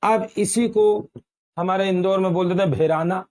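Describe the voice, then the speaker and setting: Male Hindi grammar teacher from Uttar Pradesh, high voice, quizzes the class and repeats key words. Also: steady tone, moderate pace, darkish tone. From Uttar Pradesh, India. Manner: addresses students as beta, repeats quiz questions.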